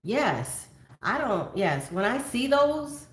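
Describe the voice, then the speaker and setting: A woman's voice: on the high side, very animated, takes it slowly, fairly bright tone, a little hiss or hum. A woman in her fifties hosting a casual livestream, greeting viewers by name and chatting about her day. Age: 50s. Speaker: livestream host. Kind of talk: casual livestream chat reading viewer comments. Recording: echoey room.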